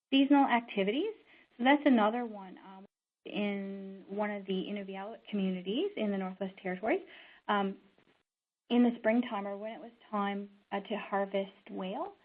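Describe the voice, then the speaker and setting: A middle-aged woman from Newfoundland and Labrador teaches as a social worker, her voice sitting at an ordinary middle pitch. She talks in an earnest, steady, conversational way and often stops on "um". The sound is narrow and tinny, as if heard down a phone line. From Newfoundland and Labrador, Canada. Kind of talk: instructional talk.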